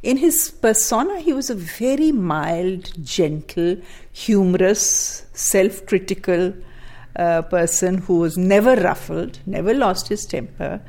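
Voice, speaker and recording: An older woman from Pakistan, a guest speaking thoughtfully in conversation, with fillers and soft laughs. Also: lowish voice, slow. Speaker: guest, daughter of a poet. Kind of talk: reflective conversation.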